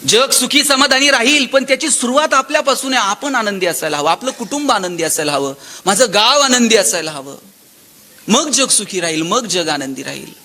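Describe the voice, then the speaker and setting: A man gives a motivational lecture in a high, bright voice. He tells stories animatedly, voicing the people in them and swinging between loud exclamations and hushed asides. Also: lively intonation, a little fast. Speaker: motivational speaker. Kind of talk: public lecture with storytelling.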